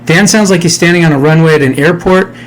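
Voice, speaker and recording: Talking fast in a fairly high voice, a fifties-aged podcast co-host jokes and needles in loose, sarcastic chat. His home-studio computer mic gives a low-quality recording with slight background noise.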